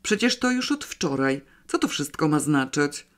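A reader doing an uneasy crime reporter. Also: male voice, a little high, big pitch swings, moderate pace. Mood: worried. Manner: uneasy, calling out. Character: worried male crime reporter.

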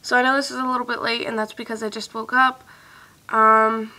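A woman's voice: a little high, level tone, a little fast, pushed and bright. A young woman vlogging to her viewers in a rambling, heartfelt way, her throat congested and phlegmy, sometimes dropping to a whisper. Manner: rambling, loses train of thought, drifts into whispers. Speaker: video blogger. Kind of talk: rambling heartfelt vlog talk.

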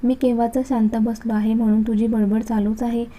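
A woman's voice: on the high side, little pitch movement, brisk, mellow, natural voice. Short-tempered young husband, read by a woman. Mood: irritated. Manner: curt, snapping.

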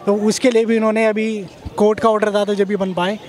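Young man, high steady monotone, earnest street interviewee. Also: fairly quick, a little hiss or hum. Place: outdoors at a busy monument plaza. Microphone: handheld mic held by interviewer.

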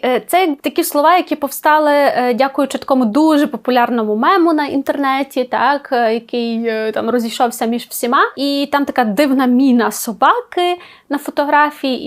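A young woman with a high-pitched voice runs a relaxed language lesson. She talks in a chatty, conversational way, tossing in quick examples and little asides as she explains. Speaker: Polish language teacher.

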